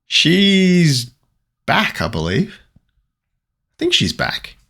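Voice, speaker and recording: An Australian man chatting casually while opening trading card packs, rambling and getting excited at good pulls. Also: fairly high pitch, drawn-out words, creaky. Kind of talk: casual unboxing commentary.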